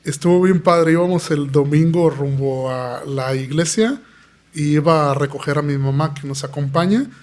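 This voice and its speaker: A man's voice: fairly high pitch, normal speed, a little mellow. A man, a pastor telling his testimony in an earnest, preaching tone. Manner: earnest, preaching tone, acts out quoted voices. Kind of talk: podcast interview testimony.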